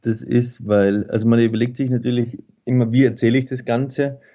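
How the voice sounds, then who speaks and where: A man's voice: medium pitch, flat delivery, fairly quick, dark tone, highs cut off. A male author, talking through his writing in a rambling, thoughtful way with many fillers. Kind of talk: conversational interview.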